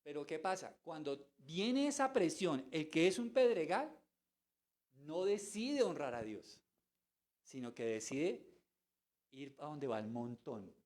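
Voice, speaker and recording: A man's voice: a little high, expressive, takes it slowly, a little mellow. A man preaching a sermon as pastor, asking rhetorical questions and mimicking voices. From Colombia.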